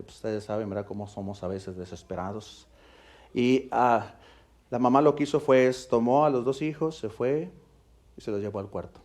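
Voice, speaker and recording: A male pastor preaching a sermon. He tells a story, swinging between loud, emphatic peaks and soft, hushed passages. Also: medium pitch.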